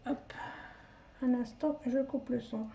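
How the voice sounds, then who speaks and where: Une femme d'âge mûr, médium, qui bavarde et digresse avec autodérision en tirant les cartes chez elle. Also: female voice, a little high, steady tone, slow pace, warm tone, a little hiss or hum. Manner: chatty, rambling, self-mocking asides. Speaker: psychic medium doing a card reading. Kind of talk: casual chatty live reading. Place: at home, indoors. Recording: dull lo-fi home recording.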